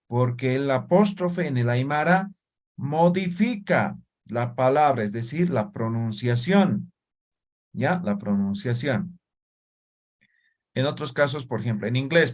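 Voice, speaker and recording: A man teaching a language class, talking slowly, checking in with his students and sounding out syllables one by one. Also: medium pitch. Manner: slow, checks in with "¿no ve?" and "¿ya?". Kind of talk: classroom lesson.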